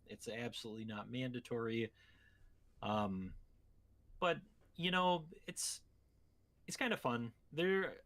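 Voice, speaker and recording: A man's mid-range, somewhat bright voice carries his easygoing video game chat as a podcast co-host. He explains things in a roundabout, conversational style.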